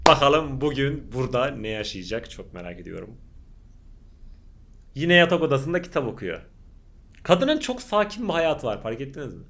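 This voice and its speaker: A man reacting to horror clips, jumpy, swearing oaths, shrieking at scares and then hushing himself. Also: medium pitch, very animated, normal speed, pauses often. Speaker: YouTuber reacting to horror videos. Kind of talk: reaction commentary.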